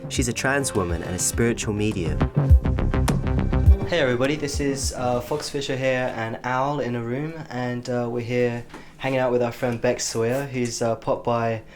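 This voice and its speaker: A host in a casual chat, relaxed and easygoing, drawing the guest out. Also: male voice, medium pitch, moderate pace, music in the background. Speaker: podcast host.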